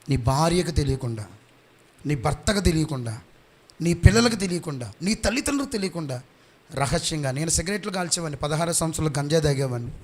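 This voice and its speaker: A man's voice: fairly high pitch, a little mellow. A man with an Andhra Pradesh Telugu accent preaching a sermon in church, fervent and repetitive, urging the congregation on.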